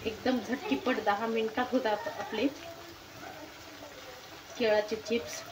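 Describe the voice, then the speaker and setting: A woman's voice: on the high side, level tone, slow pace, noisy background. A woman with a Marathi accent hosting a home cooking channel, demonstrating a recipe step by step in a homely, instructive way. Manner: homely, instructive, repeats "तर हे बघा".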